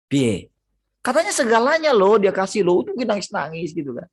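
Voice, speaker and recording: Over a video call, a man preaches a sermon with animation, fairly quickly and with a breathy edge. For emphasis his voice climbs high and loud, then drops low and soft.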